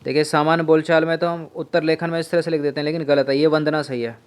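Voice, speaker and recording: A man leads an exam-prep spelling lesson in a voice a little higher than most. He says each word several times and asks his students how it is written. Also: level tone, fast, smooth. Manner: drills words by repeating them, asks students questions. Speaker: teacher.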